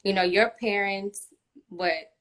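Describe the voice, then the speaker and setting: A woman's voice: mid-range voice, slow pace, a bit bright, rough recording. A woman hosting a casual conversation, reflective and opinionated as she makes her points. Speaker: host.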